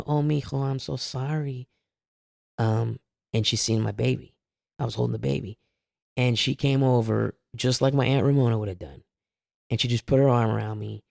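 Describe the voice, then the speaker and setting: Man, gravelly voice, candid rambling story, dry close sound. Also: mid-range voice, darkish tone, no room sound. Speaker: guest, husband telling a family testimony. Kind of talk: casual personal storytelling.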